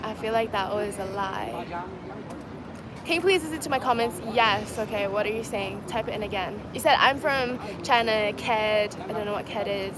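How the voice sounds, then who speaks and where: A woman with a medium-pitched voice chats casually at a moderate pace on an outdoor livestream in a city at dusk. She reads viewer comments aloud, laughs easily, and addresses her audience as "guys." Clear street and traffic noise and a loud crowd fill the background.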